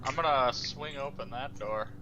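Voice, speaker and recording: A man playing in a tabletop game over a voice call, tossing out quick jokes. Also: mid-range voice, highs cut off, background noise. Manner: jokey, quick quips. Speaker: player. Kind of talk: casual tabletop game chat.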